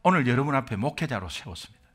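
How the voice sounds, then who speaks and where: A man's voice: mid-range voice, expressive, racing. A middle-aged man from Korea, a pastor preaching an impassioned sermon full of rhetorical questions.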